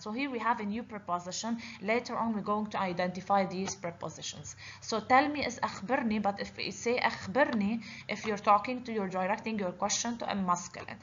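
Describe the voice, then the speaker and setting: This woman, an Arabic teacher, narrates an online lesson over slides at a brisk pace, her medium-pitched voice fairly bright. She explains things patiently and step by step, often adding "okay?". The recording is a slightly dull, lo-fi voice-over with a little hiss.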